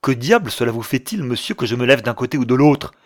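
A blunt, jealous young man with a quick temper, read by a male narrator. He speaks forcefully in a low, dry voice. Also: steady tone, no room sound, close to an everyday voice. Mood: angry.

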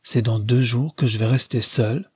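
A man's voice: medium pitch, fairly even intonation, normal speed, a little mellow, breathy edge, no echo, studio quality. A man reading aloud, voicing an anxious, helpless widowed old father who frets in a plaintive way. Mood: fretful. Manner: plaintive, fussing.

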